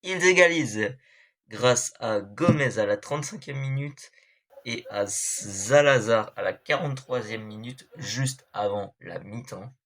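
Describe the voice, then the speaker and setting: A man's voice: medium pitch, unhurried, fairly bright tone. A young man hosting an esports club show, giving a casual, hesitant recap of football matches with many fillers and apologies.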